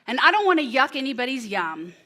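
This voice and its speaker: A woman in her thirties performing a personal story on stage before an audience, with an expressive, animated delivery and dramatic pauses. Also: high voice, crowd noise. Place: presentation room before an audience.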